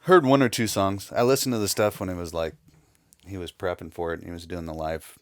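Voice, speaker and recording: A man's voice: sits low, steady tone, fairly quick, no echo. A man in casual podcast chat, easygoing and laughing often into a close mic.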